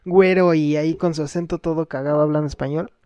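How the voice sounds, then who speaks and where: A man with a Mexican Spanish accent in casual chat, telling stories in a relaxed, slangy way. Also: on the high side, fast talker, clean tone, no echo.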